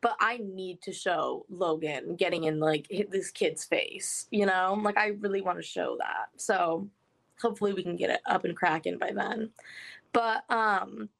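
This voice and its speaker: A woman's voice: mid-range voice, a little slow, creaky, fairly bright tone. A young woman, a co-host, chatting casually and saying "like" a lot, her voice coming through a phone connection. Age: young adult. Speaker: podcast co-host. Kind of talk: casual chat.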